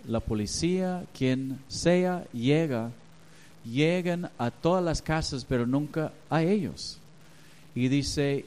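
Slow, animated preacher man. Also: a little high, clear, resonant tone, poor audio. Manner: animated, acts out voices in anecdotes. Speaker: pastor. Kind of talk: sermon with storytelling.

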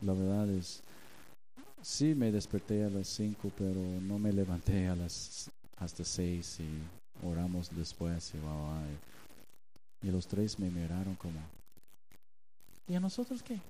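Man, pastor, sermon, unhurried and mellow, acts out dialogue. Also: deep voice, steady tone, slight background noise. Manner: storytelling, acting out dialogue with God.

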